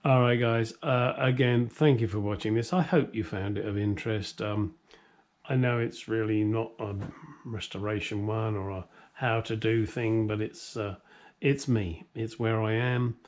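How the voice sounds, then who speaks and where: Measured and steady, the fairly low voice belongs to a middle-aged British host of a classic car workshop vlog. He rambles casually to camera in his home workshop, joking bluntly and at his own expense.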